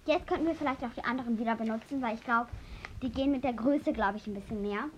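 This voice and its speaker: A woman's voice: a little high, quick pace. A young girl co-hosting, talking in a casual, everyday chatting style. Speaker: co-host of a kids' challenge show. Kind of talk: casual chat. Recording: dull, slightly noisy home recording.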